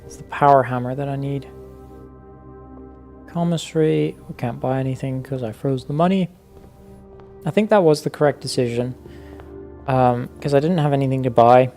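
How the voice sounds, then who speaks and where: A man's voice: mid-range voice, normal speed, pauses often, dark tone, soft background music. A man giving casual let's-play commentary, thinking aloud with many fillers and restarts. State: hiccuping. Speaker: gaming YouTuber.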